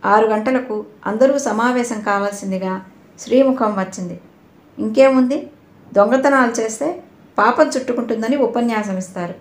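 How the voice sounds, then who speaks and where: A woman narrating an audio novel in a steady, expressive storytelling manner. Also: fairly high pitch, moderate pace. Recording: roomy echo.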